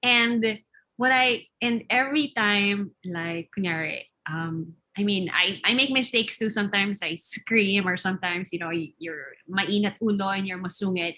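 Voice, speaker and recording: A Filipino woman, a radio host and mother, chatting as an interview guest in an animated storytelling way with a Filipino accent, mixing in Tagalog. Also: medium pitch. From Philippines. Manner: animated storytelling, acts out her kids' voices. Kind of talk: casual interview chat.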